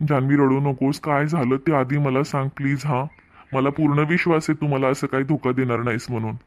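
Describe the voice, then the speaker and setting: A man's voice: medium pitch, natural voice. A man voicing an insistent, earnest young married man in a cartoon story, with a Marathwada Marathi accent. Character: married young man, pushy then apologetic lover.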